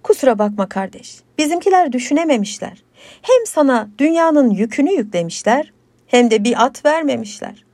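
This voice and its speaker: A woman's voice: high voice, very animated, normal speed, darkish tone, dry recording, voice pushed up, full character voice. A woman voicing a friendly, naive male villager on horseback, earnest and apologetic in a folktale.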